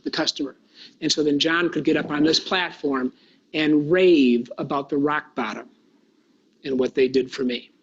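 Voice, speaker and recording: A man giving a motivational workshop talk, telling a story with animated delivery and putting questions to the audience. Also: fairly high pitch, breathy edge, muffled recording. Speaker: workshop speaker.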